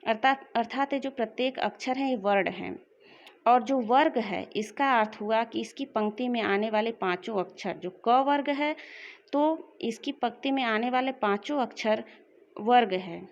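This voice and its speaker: A woman teacher explaining a lesson slowly and clearly, repeating examples. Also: a little high. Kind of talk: classroom lesson. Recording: dull lo-fi recording.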